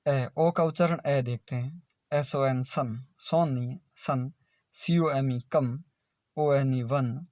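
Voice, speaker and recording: A man's voice: mid-range voice, slow, darkish tone, no echo, studio quality. A man teaching English pronunciation in a video lesson, spelling words out letter by letter and repeating them.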